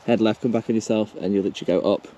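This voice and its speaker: A man's voice: lowish voice, fairly even intonation, racing, mellow. Chatty young man hiking outdoors. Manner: chatty, jokey, giving directions. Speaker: vlogger hiking guide. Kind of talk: casual outdoor vlog chat. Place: open hillside outdoors. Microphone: action camera held at arm's length.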